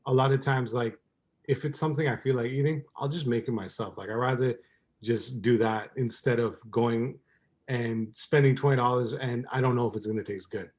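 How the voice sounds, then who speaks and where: A man in his thirties from Trinidad talks easily in a casual podcast chat. His voice sits at an ordinary middle pitch, and he wanders through his thoughts with plenty of ums and likes. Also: normal speed. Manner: rambling, relaxed, many ums and likes. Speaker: podcast guest, cooking YouTuber.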